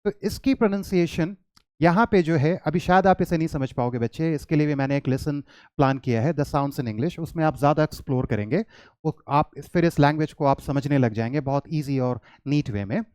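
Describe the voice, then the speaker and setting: A man's voice: fairly high pitch, fairly quick, darkish tone, clean tone, no echo, clean studio sound. A man teaching English to children in a patient lesson, mixing Hindi with English words and answering his own questions. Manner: patient, repeats questions and answers them himself.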